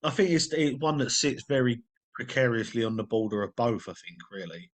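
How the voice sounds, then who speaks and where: A young man co-hosts a casual film review podcast in an easygoing, halting way, often restarting his sentences. His voice sits at an ordinary middle pitch. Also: fairly even intonation. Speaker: podcast co-host.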